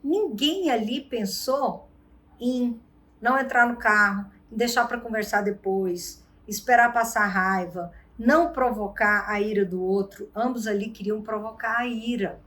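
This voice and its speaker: A woman hosting a vlog and giving advice on arguments, telling stories with lively acted-out quotes. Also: on the high side, measured pace, slight background noise. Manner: animated storyteller, acts out quotes. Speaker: vlog host and relationship advisor. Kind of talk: casual advice talk.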